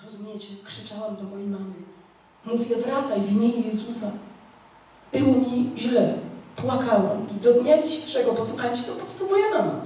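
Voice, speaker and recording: A woman's voice: fairly high pitch, moderate pace, warm tone, distant mic, a little hiss or hum. Emphatic woman preaching in an echoey hall. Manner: emphatic, addresses the congregation directly with repeated "rozumiecie". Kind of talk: charismatic sermon.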